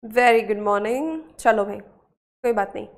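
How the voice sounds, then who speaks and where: In a live online class, a woman with an Indian accent teaches English spelling at a medium pitch and level tone. She is brisk and encouraging, pushing her students to answer fast.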